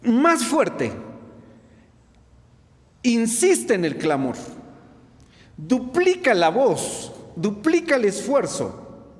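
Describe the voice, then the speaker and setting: Man preaching, high voice, very lively pitch, long church-hall reverb. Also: drawn-out words, long pauses. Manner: preaching with rhetorical questions to the congregation. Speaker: pastor. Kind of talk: sermon.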